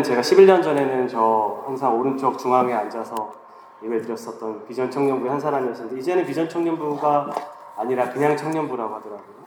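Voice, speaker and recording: Congested, nasal man preaching in an echoey hall. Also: medium pitch. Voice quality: congested, pinched-nose nasal voice from a cold. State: has a cold, stuffed-up nose. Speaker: preacher, guest speaker at a church young adult service. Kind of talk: sermon. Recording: echoey hall, faint background noise.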